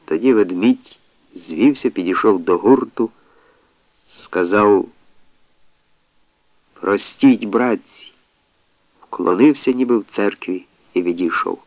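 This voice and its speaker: Man, low voice, measured expressive audiobook narration, dull dry recording. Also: dry recording. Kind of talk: scripted narration.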